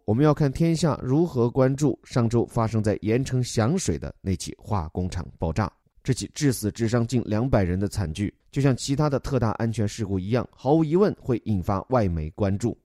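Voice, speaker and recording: Mellow-voiced man teaching English from news. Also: fairly low pitch, expressive, no room sound, clean studio sound. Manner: patient, explanatory, slows down to spell and read English. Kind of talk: explaining English news headlines.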